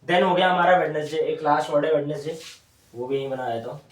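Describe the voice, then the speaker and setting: A man teaching shorthand at a whiteboard, stretching each word out slowly as he writes it, with said in a way inside his talk. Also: a little high. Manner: repeats each word slowly while writing. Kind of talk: whiteboard lesson. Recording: echoey room, mic at a distance.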